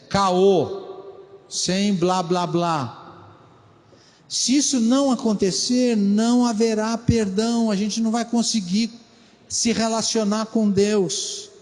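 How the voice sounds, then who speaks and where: A man with a Brazilian Portuguese accent preaching a sermon as pastor, chatting with the congregation and slowing down to stress key words. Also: high-pitched, a little mellow, big-room sound. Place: church hall.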